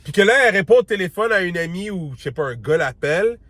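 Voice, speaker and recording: A talkative man with a Québécois accent and a voice pitched a little high, coaching the listener on dating like a buddy. His speech is loose and slangy, with English words dropped in, and he acts out the lines he quotes. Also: lively intonation, fast, a bit bright, no room sound. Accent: Québécois French. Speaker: dating advice host. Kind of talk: casual advice monologue.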